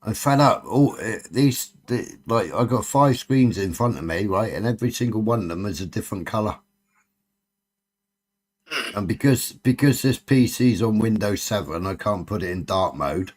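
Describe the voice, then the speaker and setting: Low-voiced, sweary Cornish man. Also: animated, moderate pace. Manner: sweary, bantering. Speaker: live stream host. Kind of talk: casual late-night livestream chat.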